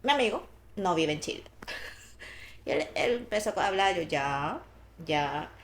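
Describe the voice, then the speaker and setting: A woman's voice: medium pitch, lively intonation, moderate pace, a little hiss or hum. Woman trading anecdotes on a podcast. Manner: conversational, tells personal anecdotes. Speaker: podcast co-host. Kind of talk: casual chat.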